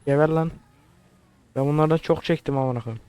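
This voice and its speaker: A man's voice: fairly high pitch, a little fast, a little mellow, smooth. A man giving crude, joking let's play commentary, swearing often and sounding baffled by what he plays. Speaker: gamer.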